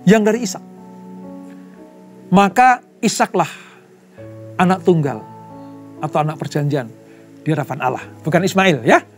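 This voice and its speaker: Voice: medium pitch, lively intonation, normal speed, long pauses, soft background music. A preacher teaching a Bible study in an emphatic sermon style, repeating key points and often calling listeners brethren.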